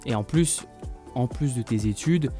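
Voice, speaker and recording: A man's voice: mid-range voice, unhurried, dark tone, soft background music. A man hosting a radio interview show, talking in a jokey, playful way in a studio.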